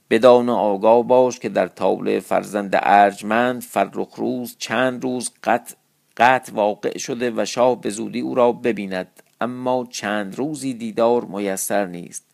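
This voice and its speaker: A man's voice: on the low side, steady tone, vocal fry, a little mellow. A man reading a solemn old court vizier. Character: wise male court vizier, solemn and measured.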